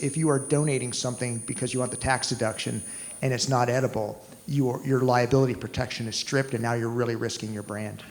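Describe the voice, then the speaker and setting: Male speaker, medium pitch, explanatory Q&A with examples, long hall reverb. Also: darkish tone. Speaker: food recovery project speaker answering questions. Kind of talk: explanatory question-and-answer talk. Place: lecture hall.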